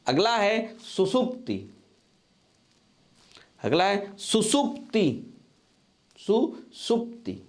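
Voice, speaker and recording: A man teaching spelling for exam preparation, slowly repeating each word several times as he writes it out. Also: on the high side, very animated. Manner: dictation-like drilling of correct spellings. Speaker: Hindi grammar teacher. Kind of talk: exam-prep board lesson.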